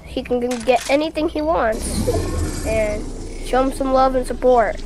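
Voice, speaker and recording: Giggly young high-voiced gamer girl. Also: normal speed, noisy background. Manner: playful, giggly, loud bursts. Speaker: gaming channel host. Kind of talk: casual gaming chat. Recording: music playing behind.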